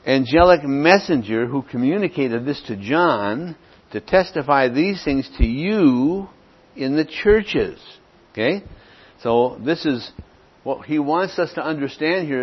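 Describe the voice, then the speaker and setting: A man's voice: mid-range voice, husky, highs cut off. A man teaching an evening Bible study, reading passages aloud and often checking in with "okay?". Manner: reads Scripture aloud, often asks "okay?". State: clears throat now and then.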